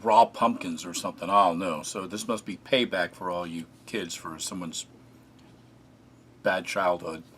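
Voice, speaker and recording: A man casually narrating a food taste test, relaxed and chatty, often pausing with fillers as he eats. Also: deep voice, slight background noise. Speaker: food reviewer.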